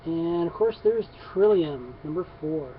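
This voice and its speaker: This male comics vlogger, voice a little high and expressive, takes his time showing off his latest comic pickups in a casual haul video. He rambles, restarting often and using plenty of fillers, over dull lo-fi audio with a faint hiss.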